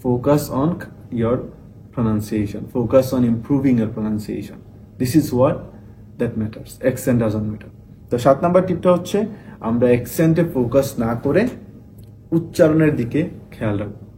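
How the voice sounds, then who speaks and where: A man's voice: mid-range voice, warm tone, slight background noise. A young man teaching IELTS speaking tips, explaining in Bengali mixed with English and repeating key points. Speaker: IELTS tutor. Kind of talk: tips video lesson.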